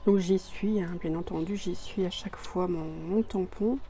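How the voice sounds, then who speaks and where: A woman explaining a craft project step by step while she works, hesitant, with many pauses and restarts. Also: on the low side, steady tone, warm tone, a little hiss or hum. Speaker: crafting tutorial presenter.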